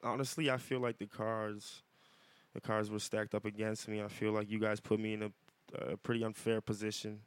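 A man with a lowish, smooth voice, recorded close and dry. He talks casually as a podcast guest in a wrestler's interview. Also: flat delivery, normal speed, dry recording. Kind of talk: casual bilingual interview chat.

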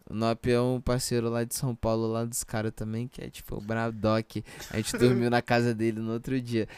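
A man's voice: mid-range voice, completely flat delivery, fairly quick, a little mellow, clear, resonant tone, dry recording. A young man with a Brazilian Portuguese accent telling anecdotes in casual, slangy chat full of verbal tags. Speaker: rapper, podcast guest.

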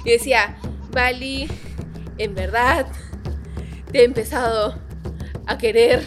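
Lively young woman telling a story. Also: a little high, slow pace, music in the background. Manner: animated, laughs while telling stories, acts out dialogue. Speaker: podcast co-host. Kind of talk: casual chat, storytelling.

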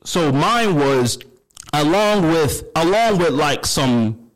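A man's voice: a little high, animated, slow pace, low-quality recording. A man who stutters, giving a personal motivational talk, repeating words and restarting phrases with a constant "you know what I mean".

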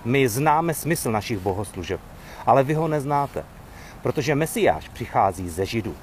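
A man reading the lines of a calm, authoritative male teacher from scripture in a gentle, earnest way. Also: mid-range voice, slight background noise, close to an everyday voice. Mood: solemn.

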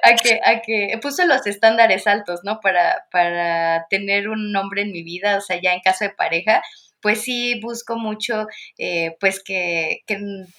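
A young woman talking casually with a friend. She is easygoing and thoughtful, often pausing on small fillers as she finds her words. Her pitch is in a middle range for a woman. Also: bright, forceful tone. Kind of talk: casual chat.

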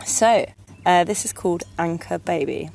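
A woman's voice: on the low side, normal speed, creaky, darkish tone, slight background noise, low-quality recording. A woman co-hosting a podcast, chatting with many ums and reading a rhyming poem aloud. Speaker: podcast co-host. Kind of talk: casual chat and poetry reading.

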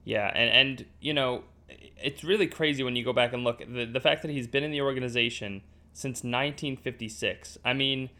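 A man with a mid-pitched, bright and forceful voice hosts a sports podcast. He talks conversationally. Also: moderate pace.

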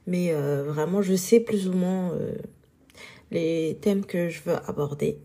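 Woman, husky sore-throat voice, soft mellow tone, relaxed solo podcast talk, hesitant, informal. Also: fairly low pitch, takes it slowly. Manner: hesitant, informal, thinking aloud. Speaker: podcast host.

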